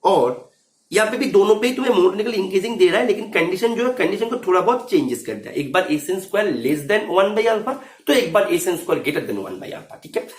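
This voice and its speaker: A man's voice: high voice, big pitch swings, fairly quick, roomy sound. A man teaching math, explaining an exam solution step by step and often checking if students follow, mixing English terms into his Hindi.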